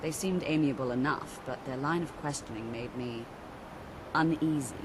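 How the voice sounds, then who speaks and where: An actress playing a composed female mage who speaks in a formal, measured and dry way, heard as game audio. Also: a bass voice. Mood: wary. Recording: game audio with clear background noise.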